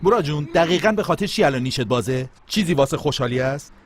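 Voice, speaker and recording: A man's voice: a little high, animated. A man dubbing a cheeky, chatty young man in a TV drama. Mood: teasing. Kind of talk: dubbed TV drama. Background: music.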